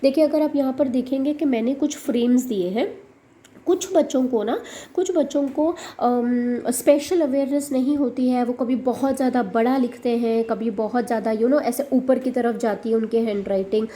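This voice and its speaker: A woman's voice: a little high, warm tone. A woman explaining worksheets to parents in a hesitant, filler-heavy way, mixing English into her speech. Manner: hesitant, many fillers, mixes English into Hindi. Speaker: special education channel host.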